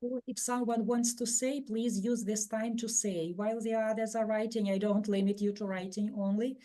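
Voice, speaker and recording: A woman from Ukraine presenting an online workshop over a video call, speaking in a measured way with some fillers. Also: fairly high pitch, fairly even intonation, dark tone. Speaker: webinar presenter.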